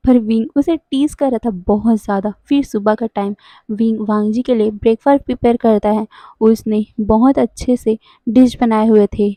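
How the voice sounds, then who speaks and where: A woman's voice: a little high, mellow, no echo. A young woman retelling a story in a casual, conversational way, often correcting herself mid-sentence. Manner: conversational, with frequent self-corrections.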